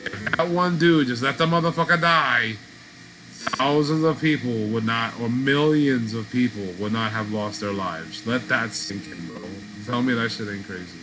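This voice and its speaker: Profane, animated podcast man. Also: mid-range voice, normal speed, over music, poor audio. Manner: profane, animated street talk. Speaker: podcast host. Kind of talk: casual monologue.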